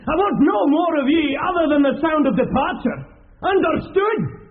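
A man's voice: extremely high pitch, expressive, normal speed. A man playing an irascible, blustering student who scolds indignantly in a period radio drama. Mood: furious, scolding. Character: irascible scolding male student shouting through a door. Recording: muffled, phone-like band-limited radio recording.

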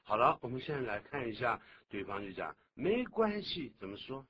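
A man presenting a radio English lesson, lively and patient, often asking the listener questions. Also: lowish voice, fast. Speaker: English teacher. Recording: dull, noisy old radio recording.

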